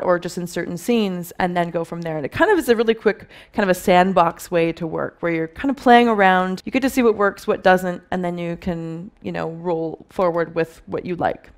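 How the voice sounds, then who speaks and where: A woman in her thirties giving a conference presentation as a film colourist, thoughtful, with many fillers and restarts. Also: lowish voice. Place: dim stage with dark backdrop.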